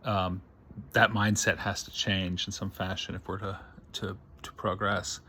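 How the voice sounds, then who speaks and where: Low-voiced man musing aloud. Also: little pitch movement, unhurried, sharp tone, slight background noise. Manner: musing, digressive, thinks aloud. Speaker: science fiction writer. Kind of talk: casual reflective monologue.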